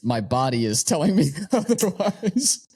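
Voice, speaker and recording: A man's voice: fairly high pitch, big pitch swings, measured pace, a little mellow, husky. Easygoing man hosting a podcast. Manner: easygoing, earnest, many "um" fillers. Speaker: podcast co-host. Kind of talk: casual podcast chat and outro.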